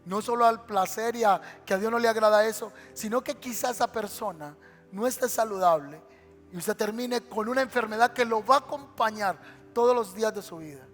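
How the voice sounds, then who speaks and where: A man's voice: sits high, fairly quick. A male pastor preaching a dramatic sermon and acting out the scenes he tells. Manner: dramatic storytelling preacher who acts out scenes. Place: church sanctuary. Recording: reverberant church hall with faint music.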